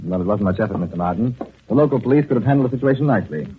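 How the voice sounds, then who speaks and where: An actor playing a suave, wealthy gentleman detective who speaks with dry irony, in 1940s radio acting, on a tinny old radio broadcast. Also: fairly low pitch, expressive, very fast, breathy edge. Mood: urbane. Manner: urbane, dryly ironic. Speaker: amateur detective.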